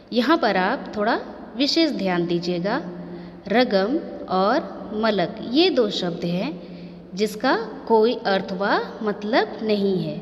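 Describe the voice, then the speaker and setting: A woman teaching a primary school textbook lesson to young children, spelling out words letter by letter. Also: medium pitch. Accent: Hindi. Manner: spells out letters slowly, one by one. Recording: dull lo-fi sound with long reverb.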